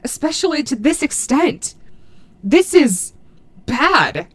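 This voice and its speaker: A woman voicing a gruff but maternal animatronic wolf in an audio roleplay, fiercely protective, with halting, earnest, emphatic delivery. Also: high voice, sing-song, heavily acted. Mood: shocked, outraged. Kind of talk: dramatic audio roleplay addressed to the listener.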